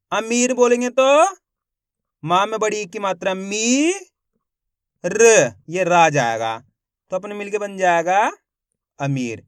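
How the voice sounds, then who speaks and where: A man leads a slow spelling lesson, sounding out each syllable before blending the whole word. His voice is smooth and resonant at a middle pitch, and the recording is dry and close. He asks the viewer questions and answers them himself. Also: no echo. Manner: breaks words into syllables, then blends them. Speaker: Hindi reading teacher.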